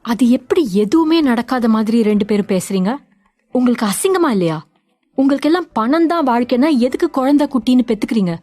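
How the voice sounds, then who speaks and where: A woman voicing a defiant young daughter in a story, with a sharp, scolding way of talking. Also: a little high, expressive, fairly quick, no echo. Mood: furious. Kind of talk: audio drama reading.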